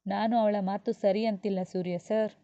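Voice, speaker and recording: A woman's voice: mid-range voice, steady tone, unhurried, dark tone, no room sound, highs cut off, natural voice. Woman voicing a defiant young woman lecturer. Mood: firm.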